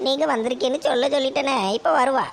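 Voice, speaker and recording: A woman's voice: high-pitched, fairly even intonation, quick pace, vocal fry, a little hiss or hum. Bossy mother-in-law, voiced by a woman. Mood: commanding. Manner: commanding, dialect-heavy.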